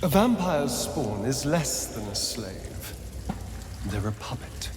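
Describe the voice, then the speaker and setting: Astarion, a theatrical, lively vampire. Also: male voice, medium pitch, background noise. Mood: bitter, brooding. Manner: theatrical, arch, drawn-out emphatic phrasing. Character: suave, bitter male vampire spawn, two centuries old, former magistrate. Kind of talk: theatrical video game dialogue. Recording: roomy reverb, music behind.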